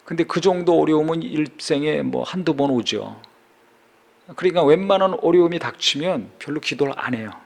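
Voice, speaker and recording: Gravelly-voiced male pastor preaching. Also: fairly high pitch, normal speed. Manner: reads scripture aloud, then preaches with rhetorical questions. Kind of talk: sermon.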